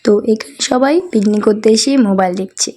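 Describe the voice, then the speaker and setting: A hoarse woman vlogger narrating a casual video. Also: mid-range voice, fast talker, dark tone.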